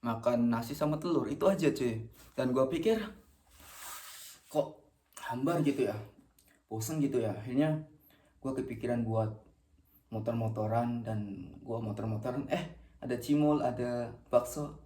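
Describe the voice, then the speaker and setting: A young man in his late teens with an Indonesian accent talks to camera in a medium-pitched voice. He chats casually while eating, at times with his mouth full. His delivery is slangy and meandering, with halting phrases and self-corrections. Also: mellow. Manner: talking between bites, sometimes with mouth full. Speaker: vlogger.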